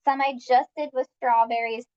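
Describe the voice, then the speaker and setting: Upbeat high-voiced woman teaching cooking. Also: steady tone, moderate pace, a little mellow, highs cut off. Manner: upbeat and chatty, talks to viewers while working. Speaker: cooking class instructor. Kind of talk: live-streamed cooking demonstration.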